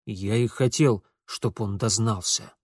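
A man's voice: fairly high pitch, sing-song, moderate pace, darkish tone, no room sound, studio quality. A man voicing a hot-headed young lieutenant who grumbles sullenly and whines under blows. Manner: sullen grumbling, whining when hit.

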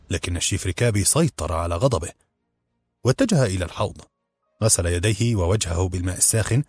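A man's voice: fairly low pitch, a little mellow, slightly rough, no echo. A man reading an audiobook, narrating dramatically. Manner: dramatic storytelling. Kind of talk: scripted narration.

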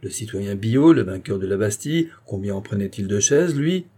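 A man's voice: lowish voice, animated, a little fast, mellow. A man voicing a jovial country priest with a teasing, bantering manner. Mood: mocking.

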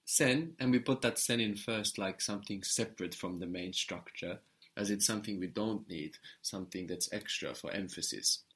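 Patient male language teacher, lowish voice. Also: a bit bright. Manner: patient, explanatory, drills words slowly. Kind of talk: language lesson.

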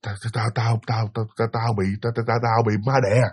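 A man's voice: sits high, animated, quick pace, breathy edge. A man voicing a terrified stammering young woman. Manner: stammering, trembling with fear. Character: frightened young woman student, stammering and pleading.

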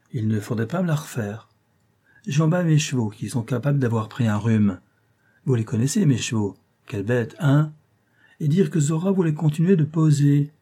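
A man reading an audiobook, voicing a boastful young male dandy in a shrill, grating voice with loud exclamations. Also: breathy edge.

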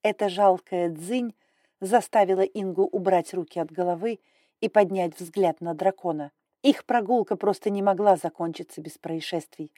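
A woman narrating a fantasy audiobook in an even, measured storytelling voice. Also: on the low side, no room sound, clean studio sound. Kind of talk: scripted narration.

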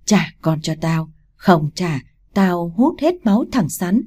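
A woman's voice: lowish voice, sing-song, takes it slowly, darkish tone, husky, full character voice. A vengeful ghost mother, as a woman puts her on. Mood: menacing. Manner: menacing, hissing threats.

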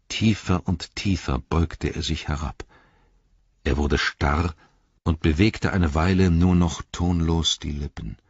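A man reading an audiobook as narrator, with a measured, dramatic delivery. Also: deep voice, husky, no room sound, highs cut off. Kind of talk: scripted narration.

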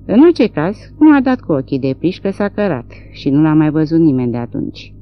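A woman's voice: deep voice, very animated, dull audio. A woman doing a dry, laconic country man. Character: rural man, Quick, laconic.

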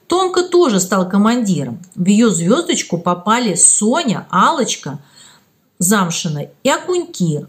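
A woman narrating a children's story as an audiobook, reading in an expressive storytelling way. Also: mid-range voice.

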